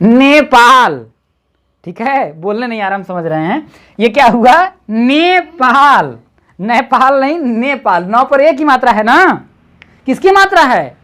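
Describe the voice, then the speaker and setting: A woman tutoring reading one-on-one, patiently repeating syllables slowly and coaxing her student along. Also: a little high, very animated.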